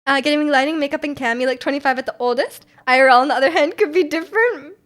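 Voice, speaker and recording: A woman's voice: high-pitched, fast, fairly bright tone. A woman in her twenties streaming, chatting casually and reading viewer messages, giggly and talkative. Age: 20s. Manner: giggly, chatty, often laughing.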